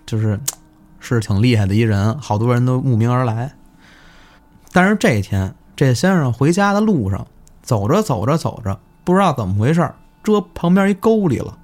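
A man telling village ghost stories in casual chat, animated and swearing in surprise. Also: mid-range voice, moderate pace. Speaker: guest storyteller. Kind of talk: casual spooky storytelling.

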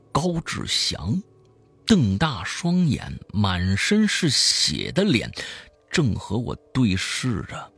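Man, low gravelly voice, very lively storytelling, dry close sound. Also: no echo. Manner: dramatic storyteller, swinging between hushed and loud. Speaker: host reading a listener's story. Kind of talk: storytelling in first person.

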